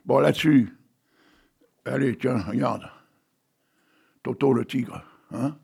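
A man's voice: mid-range voice, takes it slowly, creaky, dark tone. A man in his eighties, a radio host who reads poetry and chats with his listeners, full of joking asides and tag questions. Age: 80s. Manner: chatty, joking asides to listeners, many "hein". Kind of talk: casual chat and poetry reading. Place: radio studio with a technician.

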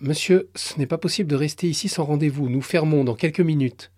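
Brief: tired young office clerk woman, polite and brisk, higher and louder as a male narrator puts her on. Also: no room sound, studio quality, lightly acted. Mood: politely firm.

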